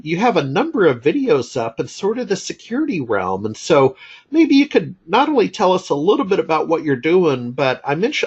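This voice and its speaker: A man conducting an interview, his voice coming through a muffled, low-quality call line. He talks with a husky edge and a lively, rising and falling pitch. His questions are easygoing and rambling. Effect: low-quality voice call audio. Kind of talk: casual remote interview chat.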